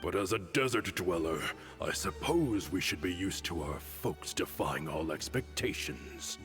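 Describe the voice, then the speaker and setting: An actor playing a proud, fanatical desert warrior commander in a video game, grandiose and solemn, defiant to the death. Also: male voice, sits low, animated, measured pace, fairly bright tone. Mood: grim, resigned. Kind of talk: dramatic game voice acting. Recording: game music behind.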